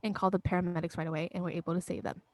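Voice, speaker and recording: A young woman co-hosting a podcast, telling a story in a casual, animated way and often acting out her friends' words. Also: fairly low pitch, very fast, dry recording. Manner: animated, acts out friends' quotes, laughs often. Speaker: podcast co-host.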